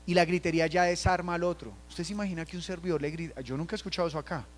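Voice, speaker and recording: A man from Colombia, preaching a sermon and acting out everyday scenes in quoted voices, dropping to a hush and then rising loud. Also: fairly high pitch, fairly even intonation, racing. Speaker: pastor.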